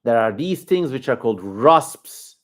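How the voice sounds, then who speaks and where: A man from Turkey speaks English with a Turkish accent in a medium-pitched voice. He hosts a casual livestream, wandering informally through his commentary and thinking aloud. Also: animated, unhurried. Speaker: livestream host.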